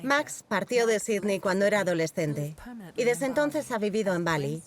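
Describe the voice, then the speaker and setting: A woman reads scripted documentary narration. Her delivery is measured and even, with a mid-range voice. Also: mid-range voice.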